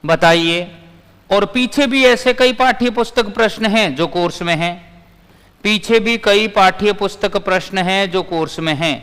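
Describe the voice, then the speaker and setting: A man's voice: sits high, measured pace, fairly bright tone, clear, resonant tone, in a large hall. A male physics teacher giving a live online class, repeating his points and answering viewers' comments as he goes.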